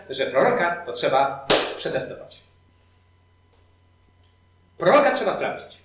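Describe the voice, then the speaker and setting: A male preacher giving a sermon, telling stories animatedly and building up emphasis. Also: on the high side. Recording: very echoey hall.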